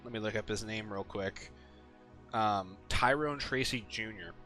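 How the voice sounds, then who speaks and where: Bright-voiced man rambling about picks. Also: lowish voice, unhurried, faint music behind. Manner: rambling, frequent ums, casual swearing. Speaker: sports picks video host. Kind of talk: casual solo commentary.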